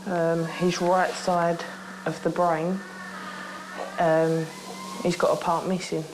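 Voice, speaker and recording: A woman's voice: lowish voice, flat delivery, slow pace, noisy background. A woman, a relative of an injured patient, talking candidly in shock, tearful at times, swearing and laughing nervously. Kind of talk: candid documentary interview.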